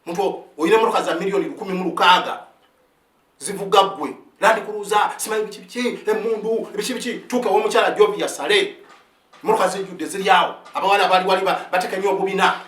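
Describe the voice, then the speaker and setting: A man in his fifties, an army sergeant and a native Luganda speaker, talks fast and high as he pours out his account, mixing in English phrases and tossing "eh?" at his listeners. His words stumble into restarts. The recording is roomy, and he sits a good distance from the microphone. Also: fairly bright tone. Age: 50s. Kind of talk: impassioned spoken account. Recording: roomy sound, set back from the mic.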